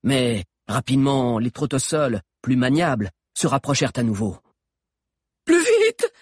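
A man narrating an adventure audiobook with an expressive, dramatic reading. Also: mid-range voice, moderate pace, breathy edge, no room sound, clean studio sound. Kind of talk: scripted narration.

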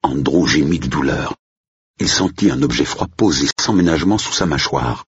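A man reading a novel aloud as audiobook narrator in a steady, measured way. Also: extremely low pitch, slightly rough, dry recording. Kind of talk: scripted narration. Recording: dull lo-fi recording.

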